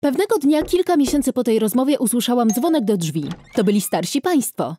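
A young adult woman narrating a scripted first-person story in an expressive storytelling manner. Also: a little high, brisk, a little hiss or hum.

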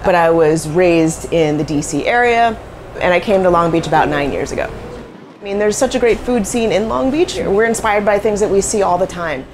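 A middle-aged woman from Cambodia, a restaurant co-owner chatting in an interview, quick with fillers and asides, on a lapel mic in a small kitchen. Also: lowish voice, lively intonation, noisy background. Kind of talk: casual interview. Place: small commercial kitchen, indoors. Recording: music bed underneath.

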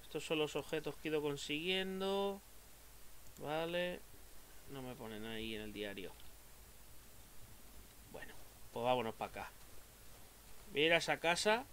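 Man, Spain Spanish accent, gaming commentary, excitable, swears a lot, fairly high voice, faint hiss. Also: moderate pace, long pauses. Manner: excitable, swears and yells at enemies. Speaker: gaming youtuber. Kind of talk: let's play commentary.

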